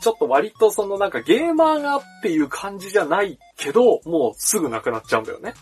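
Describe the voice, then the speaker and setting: Husky man laughing through casual chat. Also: high-pitched, big pitch swings, fast talker. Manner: laughs often, teasing retorts. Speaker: podcast host. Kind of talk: casual chat over a video call. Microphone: video call. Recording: video call with music behind.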